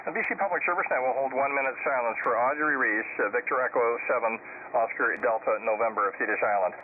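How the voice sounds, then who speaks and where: A man's voice: mid-range voice, fast talker. Guy over a tinny ham radio line, faint hiss, spelling call signs. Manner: reads call signs phonetically, with fillers. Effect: heard over a shortwave radio. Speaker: ham radio operator relaying an announcement. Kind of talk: amateur radio net relay.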